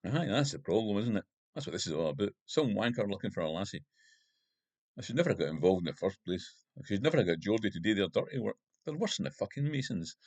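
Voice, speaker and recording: A man's voice: fairly low pitch, very animated, fast, a little mellow, dry recording. A man voicing a drunk, belligerent, middle-aged Glasgow gangster with a Glaswegian accent and coarse, swearing speech. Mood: bitter. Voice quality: coarse, swearing, slurred by whiskey. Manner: belligerent and panicky.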